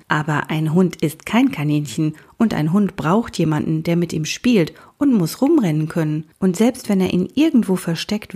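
A woman calmly narrating a children's audiobook story. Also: lowish voice, breathy edge.

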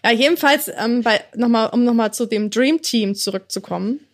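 A woman co-hosts a podcast, chatting casually about gestures, laughing often and leaning on lots of fillers. Her voice is a little high and she speaks at normal speed.

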